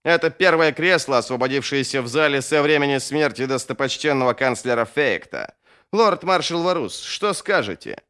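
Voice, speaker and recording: Male reader doing an old chamberlain, officious, measured, lively intonation. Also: medium pitch, smooth. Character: old court chamberlain, smooth and managing.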